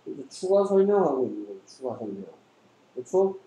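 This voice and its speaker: A man's voice: mid-range voice, sing-song, fairly quick, warm tone, echoey room, a little hiss or hum, low-quality recording. A man tutoring English one-on-one, quizzing his student and joking bluntly, in a casual lesson. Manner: teasing, quizzing, blunt slang.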